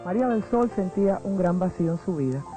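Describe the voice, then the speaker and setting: A woman's voice: lowish voice, lively intonation, fast talker, rough recording. A woman giving scripted documentary narration. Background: background music.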